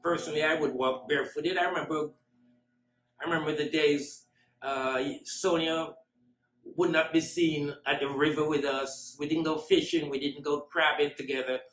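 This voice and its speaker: A man, sharing fond memories at a memorial with a light, self-mocking humor. His voice sits a little high for a man. The sound rings around a large school hall. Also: fairly even intonation, normal speed, a bit bright. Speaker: eulogist. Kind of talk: memorial eulogy. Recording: echoey hall.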